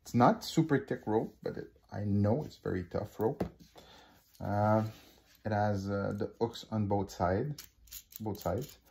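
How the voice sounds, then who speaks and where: This man's voice is fairly low and gravelly, moving a little slowly against background noise. He's a native French speaker from Quebec, Québécois accent and all, doing a hobby unboxing vlog shot on a phone over a living-room table, talking casually with lots of fillers and restarts.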